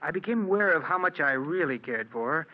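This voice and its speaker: A man's voice: fairly high pitch, expressive, brisk, close to an everyday voice. An actor in an old-time radio drama, playing an unhappily married, lovelorn man with earnest, dramatic delivery. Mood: wistful, confessional. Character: unhappily married man confessing his past, lovelorn, bitter. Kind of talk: old-time radio drama acting, first-person narration and dialogue. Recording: muffled, noisy old radio recording.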